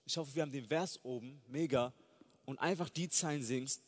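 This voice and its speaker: A man's voice: medium pitch, normal speed. A man preaching a sermon in an earnest, fervent way that builds to emphatic peaks. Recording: long hall reverb.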